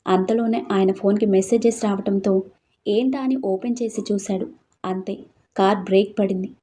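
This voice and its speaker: A woman storyteller reading a scripted story in a steady, expressive way. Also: mid-range voice, moderate pace.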